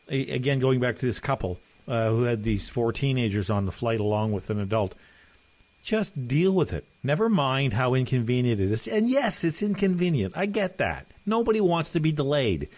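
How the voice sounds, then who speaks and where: A man's voice: medium pitch, a little mellow. A man hosting a talk podcast, giving plain-spoken, folksy opinions in casual commentary. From Canada. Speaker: podcast host.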